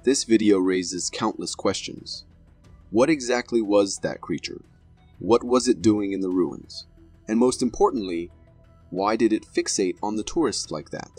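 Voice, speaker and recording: Husky low-voiced male narrator. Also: a little slow, darkish tone, faint music behind. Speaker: narrator of a viral video compilation. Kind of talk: scripted narration.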